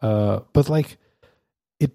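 A man co-hosting a podcast, who lives in Amsterdam, chats casually and rambles with lots of fillers and restarts, laughing often. His voice is fairly low, warm, slow, and touched with vocal fry, captured in a dry, studio-quality recording.

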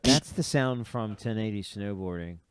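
A man's voice: lowish voice, normal speed, noisy background. A man talking in frat bro slang, bantering casually on a podcast.

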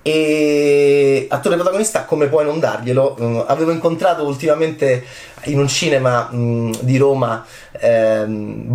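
A man, a film critic, giving casual commentary on an awards night, rambling and enthusiastic, moving from soft asides to excited high bursts. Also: echoey room.

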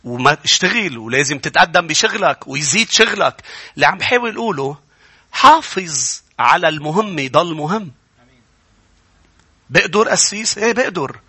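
A man with a Lebanese accent preaching a Bible-school sermon, emphatic, building to loud peaks and then dropping low. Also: breathy edge, no echo. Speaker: pastor.

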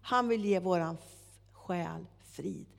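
A woman preaching a sermon, telling a story with lively acted-out dialogue. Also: lowish voice, gravelly. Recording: long hall reverb.

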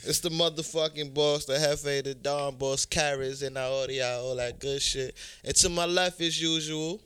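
A man hosting a casual street podcast, hyped and loud, swearing freely. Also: a little high, fairly even intonation, moderate pace, smooth, no echo. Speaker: host.

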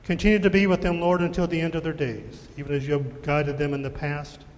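A man's voice: a little high, steady tone. Man praying with a cathedral echo. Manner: measured, solemn liturgical reading. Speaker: worship leader. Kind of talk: reading the prayers of the church. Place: church sanctuary. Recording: long echo of a large church.

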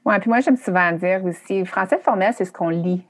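Podcast host, woman, middle-aged, relaxed filler-heavy chat, mid-range voice. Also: mid-range voice, fairly quick. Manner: friendly, chatty, lots of fillers and laughs. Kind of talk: casual interview chat.

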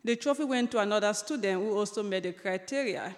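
A woman's voice: medium pitch, fast talker. A young woman, an author telling a personal story on stage, with light humor and many ums and restarts. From Cameroon. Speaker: author giving a talk. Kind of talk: storytelling lecture. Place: large lecture hall. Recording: long reverb of a large hall.

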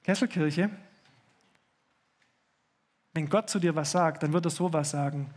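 A man with a high voice delivers an earnest sermon to a church congregation. He slows right down to lean on his key phrases. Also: darkish tone. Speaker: pastor. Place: church service.

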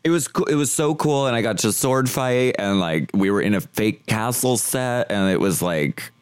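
A man's voice: on the low side, lively intonation, moderate pace, smooth, no room sound. A man being interviewed as a drag performer, chatting casually and rambling with lots of "like" fillers.

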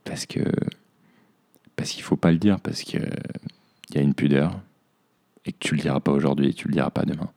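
A young man with a very deep, gravelly voice and a dark, mellow tone. He hosts a podcast in a reflective personal monologue and looks back on hard months. He speaks to himself as "you". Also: fairly quick, long pauses. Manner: introspective, addresses himself as "tu". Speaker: podcast host.

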